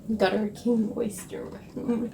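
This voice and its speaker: A woman's voice: a little high, little pitch movement, a little slow, creaky, background noise. A woman hosting her own cooking channel, talking viewers through a recipe in a chatty, upbeat way and speaking to them directly. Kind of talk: casual cooking demonstration.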